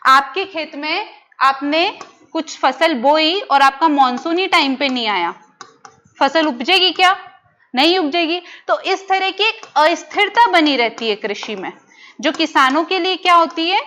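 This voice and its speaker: High-voiced woman teaching an exam class. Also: expressive, unhurried, sharp tone. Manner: asks the class questions and answers them herself, repeats key terms. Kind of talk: exam-prep lecture.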